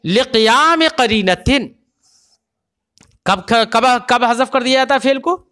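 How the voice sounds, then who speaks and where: A man's voice: extremely high pitch, expressive, pushed and bright. A male religious teacher, giving a grammar lecture and often asking the class whether they have understood. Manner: explains and checks understanding with repeated questions.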